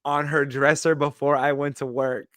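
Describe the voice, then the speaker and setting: A man's voice: fairly high pitch, little pitch movement, moderate pace, fairly bright tone, dry recording, studio quality. A man from Los Angeles co-hosting a podcast, telling a personal story in a rambling way with lots of fillers and self-corrections. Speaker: podcast co-host. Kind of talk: casual chat, personal storytelling.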